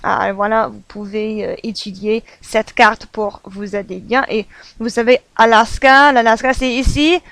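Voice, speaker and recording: A woman's voice: a little high, steady tone, measured pace, a bit bright, no room sound. Woman teaching a French grammar lesson. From United States. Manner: patient, repeats examples, fills with "voilà" and "euh".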